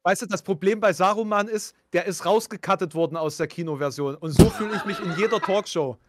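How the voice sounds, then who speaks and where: A man's voice: high voice, a little fast, heavy background noise. A man talking as a guest in a casual live-stream chat, wry and self-deprecating, rambling with restarts.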